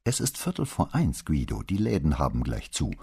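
A sharp-tongued middle-aged wife, scolding and exasperated, as a deep-voiced male narrator puts her on. She is pitched well above his own low, husky register and swings widely in pitch. A storybook character voice from a read-aloud novel. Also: wildly swooping pitch, moderate pace, heavily acted. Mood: brisk. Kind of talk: audiobook character voice.

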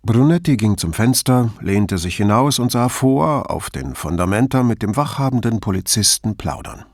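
A man narrating an audiobook in a measured, even way. His voice sits fairly low. The recording is dry, with no room sound. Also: no room sound. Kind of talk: scripted narration.

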